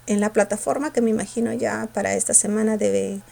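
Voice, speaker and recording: A woman teacher going over exam questions, asking her students quick questions and answering them herself. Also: medium pitch, steady tone, creaky, dark tone. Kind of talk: exam review lesson.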